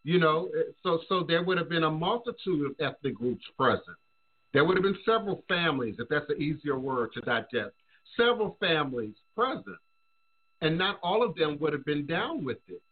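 An American man hosts a casual discussion in a fairly high voice. He reasons aloud haltingly, doubling back on words. The audio is slightly dull and lo-fi. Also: big pitch swings, husky. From United States. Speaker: show host.

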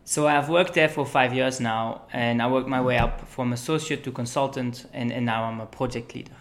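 A young man from Belgium speaks as an interview guest in an easy, conversational way. He pauses often with ums and uhs while he explains things in a relaxed, steady flow. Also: medium pitch. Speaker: guest, management consultant. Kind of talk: casual interview talk.

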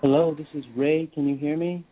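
A man's voice: a little high, steady tone, brisk. A man from Canada calling into a radio show, telling a personal story with hesitant restarts, heard through the caller line. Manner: hesitant, restarts with repeated words. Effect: phone-line caller audio. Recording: tinny phone-like line.

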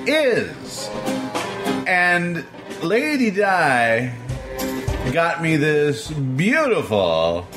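A man hosting a show with casual comedic chat in a halting, wry way. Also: medium pitch. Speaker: show host.

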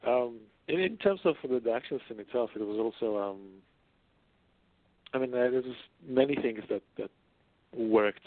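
A male author speaking as a guest in a casual interview, thoughtful and explanatory, pausing often as he works through his points. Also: medium pitch, dry recording. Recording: dry, phone-like line.

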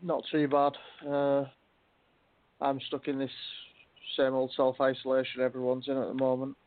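A man on a call-in radio show, his voice squeezed through a tinny phone line. He speaks at a middling pitch with a flat, even tone and chuckles easily between remarks. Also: normal speed, no room sound. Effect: tinny phone-line sound of a call-in caller.

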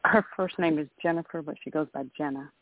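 A woman caller speaking over the phone on a call-in radio show, soft-spoken and hesitant. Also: low-pitched, quick pace, no echo, narrow, tinny audio.

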